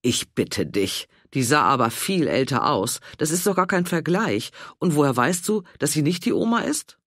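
A bossy, outspoken older woman, as a male reader puts her on, talks loud and emphatic in a lively, swooping voice. She presses and scolds with quick temper. The audiobook sound is dry and close. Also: low voice, no echo, exaggerated voice. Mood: dismissive. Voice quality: loud and emphatic, swings between coaxing and scolding. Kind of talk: audiobook character voice.

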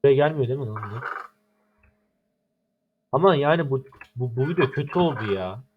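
A man's voice: medium pitch, lively intonation, normal speed, slightly rough, narrow, tinny audio. A young man from Turkey with a Turkish accent, commenting over his own game and complaining in exasperation. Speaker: gaming YouTuber. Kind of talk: gameplay commentary.

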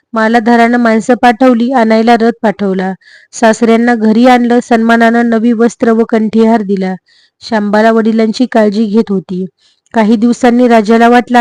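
A woman narrating a devotional folk tale at a steady, measured pace. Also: on the high side, no echo. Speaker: storyteller.

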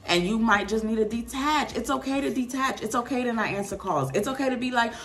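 A young woman, giving an animated, preachy casual talk to the camera as a vlogger. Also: fairly high pitch, a little fast.

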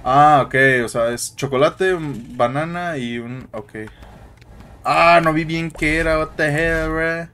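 A man giving jittery, excitable let's-play commentary, tossing in English slang as he plays. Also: fairly high pitch, slow pace, clean tone. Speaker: gaming YouTuber.

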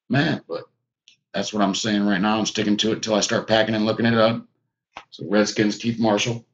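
Male live-stream card break host, casual and chatty with viewers, mid-pitched, slightly lo-fi sound. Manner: chatty, talks to viewers by name.

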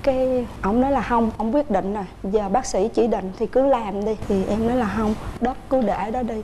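A woman's voice: on the high side, normal speed, warm tone, slight background noise. A woman with a Southern Vietnamese accent, a guest wife earnestly telling a talk show about her husband. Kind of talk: personal story on a talk show.

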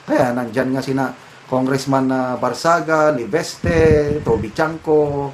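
A man's voice: mid-range voice, takes it slowly, a little hiss or hum, low-quality recording. A man with a Filipino accent giving casual, opinionated political commentary and mixing English phrases into his talk.

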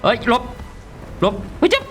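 A young man giving casual, excitable commentary while playing a mobile game, loud and swearing often. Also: a little slow, soft background music.

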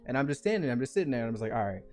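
A man's voice: mid-range voice, very fast, soft background music. Young man telling a story animatedly. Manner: animated, acts out scenes, many fillers. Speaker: vlogger. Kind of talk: casual storytelling.

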